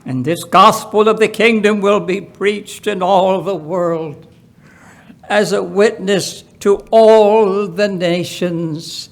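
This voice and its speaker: A man with a strikingly high, gravelly voice reads scripture very slowly as a Bible reader at a church. His solemn, deliberate delivery sets phrases apart with pauses and leans on them for emphasis.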